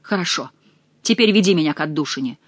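A sharp-tongued male jester demands answers and mocks his companion, as a woman reading a storybook puts him on. The recording is dry, with no room sound. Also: low-pitched, animated, quick pace, dry recording, pitched below the performer's own voice. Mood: commanding. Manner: commanding, mocking.

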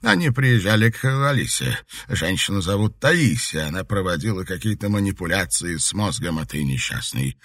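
A man's voice: low-pitched, big pitch swings, normal speed, a bit bright, no room sound, studio quality, full character voice. A man voicing an obsequious middle-aged asylum doctor. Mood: ingratiating. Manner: ingratiating, obsequious.

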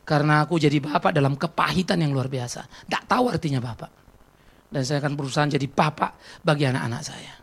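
A man preaching a sermon as a pastor, telling stories and personal confessions, swinging between loud exclamations and quiet reflective passages. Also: a little high, fast, gravelly, slightly rough.

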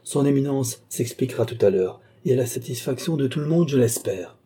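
A man voicing a calm, ironic and mysterious count, speaking with unhurried composure. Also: mid-range voice, breathy edge, voice pushed up.

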